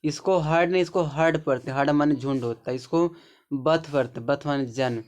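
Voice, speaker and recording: A man with a Hindi accent teaching English pronunciation, explaining slowly and repeating words, often checking in with the viewer. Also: medium pitch, a little mellow.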